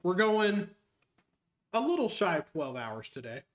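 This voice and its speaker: High-voiced joking male game streamer. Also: very animated, a little slow, echoey room. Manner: jokey, rambling, self-mocking. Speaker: streamer and high school English teacher. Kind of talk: casual gameplay commentary.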